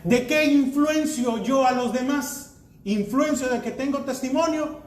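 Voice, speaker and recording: A man's voice: very high voice, a little slow, reverberant. A man pastor preaching a sermon, reading verses aloud and asking the congregation rhetorical questions.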